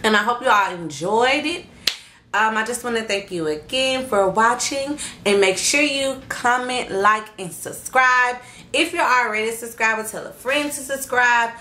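A woman's voice: a little high, moderate pace, pushed and bright. Chatty young woman rambling in an echoey room. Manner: rambling, filler-heavy talk. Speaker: vlogger. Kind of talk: casual mukbang vlog chat. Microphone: phone or camera on a stand.

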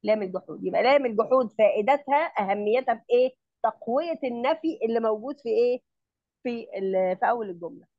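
Egyptian woman teaching grammar, slightly raised pitch. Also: animated, fast talker, no room sound, muffled recording. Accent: Egyptian Arabic. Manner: explains step by step, checks understanding often. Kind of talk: online tutoring lesson.

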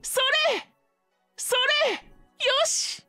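A woman voicing a peppy game heroine, her voice pitched far up into a chipmunk squeak, shouting short battle cries. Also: very slow, faint music behind, full character voice. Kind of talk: video game character voice clips.

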